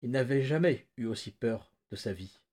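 A man, a podcast host, reading a novel excerpt aloud in a measured, steady narration. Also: mid-range voice.

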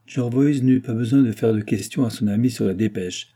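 Male narrator, audiobook reading, very dark tone, husky, measured. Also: medium pitch. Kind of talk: reading a 19th-century novel aloud.

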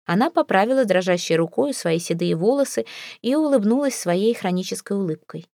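Woman narrator for a classic novel, measured and even, warm dark tone, dry booth sound. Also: medium pitch, no echo. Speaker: audiobook narrator. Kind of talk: scripted narration.

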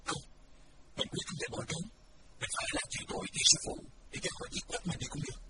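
A man voicing a young male martial disciple, earnest and guilt-ridden, speaking in a hushed, brooding way. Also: quick pace, lightly acted. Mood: anguished. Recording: distant mic, loud background noise.

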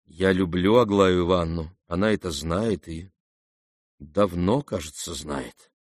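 A man voicing a gentle, timid young prince in an audiobook, speaking softly and hesitantly. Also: mid-range voice, animated, gravelly, breathy edge, dry recording, studio quality, heavily acted. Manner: soft, hesitant, halting.

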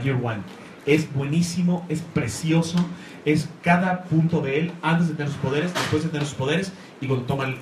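A man giving an enthusiastic talk about comics to a live audience, rambling and searching for words. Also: on the high side. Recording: echoey room, faint noise.

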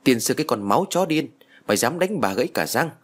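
A man voicing a spiteful, foul-mouthed old village woman who curses and wails in a shrill voice. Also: big pitch swings, fast talker. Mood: cursing. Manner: shrill, cursing, wailing.

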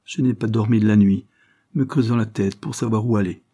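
A man's voice: lowish voice, steady tone, brisk, dark tone, lightly acted. A man reading an audiobook, voicing a sad and shy young noblewoman who hesitates and stammers. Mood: distressed.

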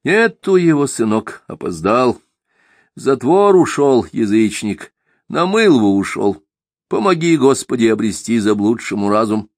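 A man voicing an old, gentle and tired holy man who speaks patiently, in an audiobook. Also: mid-range voice, sing-song, a little slow, dry recording, studio quality. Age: older. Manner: soft, patient, calls others "son".

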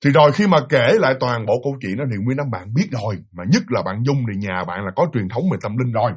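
A man's voice: mid-range voice, animated, fast talker, breathy edge. A man telling a spooky story, acting out the voices of the people in it.

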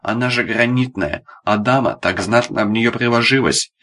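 A man's voice: medium pitch, moderate pace, pushed and bright. A man reading the lines of a frail old beggar woman who talks in a reasoning, pleading way.

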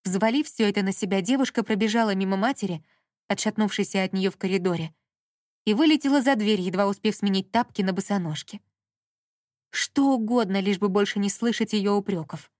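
A woman narrating a story in a calm, even audiobook reading. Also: medium pitch, fairly quick, no echo, clean studio sound.

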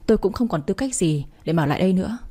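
A young man worn down and sorry, sighing through his apologies, read by a woman. The voice is mellow and dark with a husky grain in this storybook reading. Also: fairly low pitch, lively intonation, rapid-fire. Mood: resigned.

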